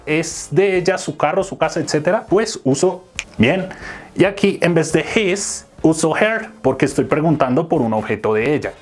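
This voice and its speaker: A man, explaining an English lesson and slowing down to pronounce the English examples. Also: a little high. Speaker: English teacher.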